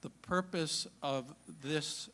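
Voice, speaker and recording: A man addressing a town meeting, speaking deliberately with pauses. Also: a little high, pushed and bright. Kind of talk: public comment.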